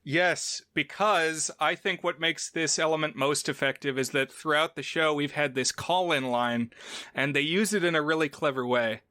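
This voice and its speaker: Bright, crisp-voiced man recapping a film. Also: fairly high pitch, normal speed, no room sound, clean studio sound. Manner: recaps the plot at length in a loose, conversational way. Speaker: podcast co-host. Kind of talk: casual film review chat.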